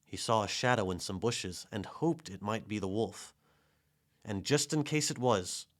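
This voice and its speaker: A man narrating a children's storybook in a gentle, measured way. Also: medium pitch. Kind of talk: storybook reading.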